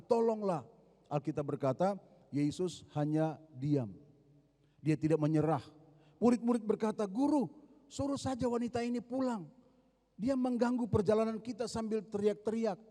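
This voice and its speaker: A man's voice: a little high, dark tone. A man with an Indonesian accent preaching a sermon as a pastor in a large church hall, telling a story dramatically with emphatic rises. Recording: long hall reverb.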